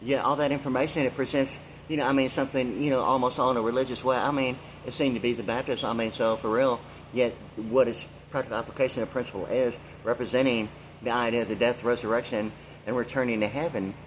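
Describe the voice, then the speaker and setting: It's a low-quality recording with a little hiss or hum: a male vlogger in his sixties talks fast in a mid-range voice with fairly even intonation. His rambling monologue drifts by free association, peppered with fillers and loose asides.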